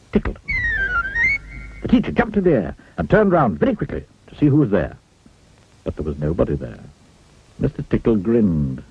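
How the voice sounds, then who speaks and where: A man's voice: fairly low pitch, slightly rough, no room sound. A man reading a children's storybook aloud in a playful way, stretching out words for emphasis. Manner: playful, swooping, drawn-out emphasis. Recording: slightly muffled, faint music behind.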